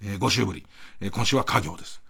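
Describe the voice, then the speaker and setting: A man's voice: lowish voice, fast talker, creaky, a bit bright, slightly rough. A middle-aged man hosting a late-night radio show, rambling through a monologue and laughing between remarks, close on a studio mic.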